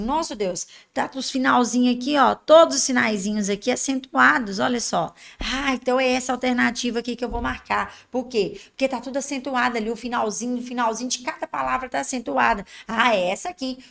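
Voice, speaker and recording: Gravelly Brazilian woman teaching grammar. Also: a little high, a bit bright. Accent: Brazilian Portuguese. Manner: explains patiently, checks in with "tá?" and "né?"; acts out a student's thoughts. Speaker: Portuguese language teacher. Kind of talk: exam-prep lesson.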